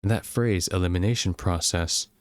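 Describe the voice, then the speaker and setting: A young man reading a game's story text aloud in a steady way, sometimes joking about his own misreads. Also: deep voice, normal speed, dry recording, clean studio sound. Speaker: gameplay narrator.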